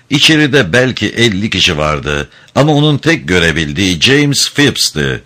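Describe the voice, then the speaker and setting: A man narrating a dark adventure storybook in a measured, grave way. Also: on the low side. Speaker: audiobook narrator.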